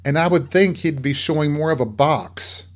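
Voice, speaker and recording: A man's voice: fairly high pitch, moderate pace. A man hosting his own podcast, delivering a chatty, campy comedic monologue with self-mocking asides. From American South. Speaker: podcast host.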